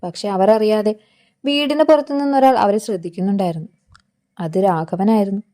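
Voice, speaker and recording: A woman narrating a scripted family story in a steady, measured way. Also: mid-range voice.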